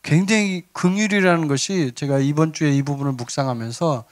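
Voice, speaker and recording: A man's voice: fairly high pitch, brisk. A man preaching a sermon as pastor, earnest, sometimes acting out pleas and scolding.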